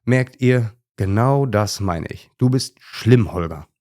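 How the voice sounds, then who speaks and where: A man's voice: on the low side, lively intonation, a little fast, no room sound, clean studio sound. A man voicing a proud, boastful male circus elephant in a children's story, showy and full of himself. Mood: exasperated. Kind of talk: storybook character voice.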